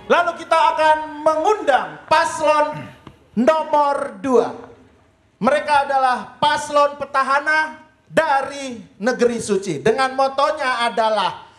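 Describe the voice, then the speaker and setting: A man co-hosting a comedy stage show, lively and exclaiming, often breaking into laughter. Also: very high voice, unhurried, reverberant, faint music behind.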